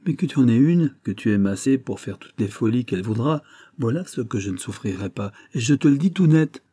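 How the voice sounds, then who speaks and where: A man's voice: mid-range voice, lively intonation, brisk, dark tone, no echo, lightly acted. A man voicing a vain, blustering older banker who lectures his son in a familiar, exasperated tone. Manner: familiar, then scolding and exasperated.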